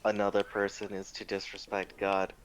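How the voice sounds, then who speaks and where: A man's voice: lowish voice, completely flat delivery, moderate pace, a little hiss or hum, poor audio. A man in casual chat with friends, telling stories bluntly and crudely.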